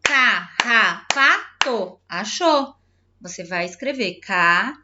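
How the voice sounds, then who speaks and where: A woman teacher patiently explaining a textbook lesson to young pupils, slowly sounding out syllables and talking directly to the children. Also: a little high, lively intonation, dull audio, background noise. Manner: spells out syllables slowly, clapping out words. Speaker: primary school teacher.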